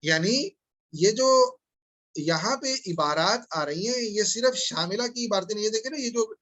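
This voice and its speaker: High-voiced male instructor, patient and step-by-step. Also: expressive, fairly bright tone. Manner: patient, step-by-step, keeps checking understanding. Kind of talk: software tutorial lecture.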